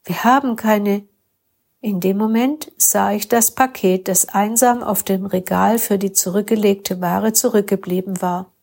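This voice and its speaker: A woman reading a first-person story aloud with calm, steady narration. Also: mid-range voice, normal speed, gravelly, few pauses, slightly rough. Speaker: story reader.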